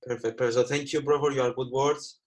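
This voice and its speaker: A Cypriot man in his twenties, whose first language is Greek, speaks as a guest trader on a livestream, casual and earnest, repeating himself and calling viewers "guys." His mid-range voice is steady and fairly quick.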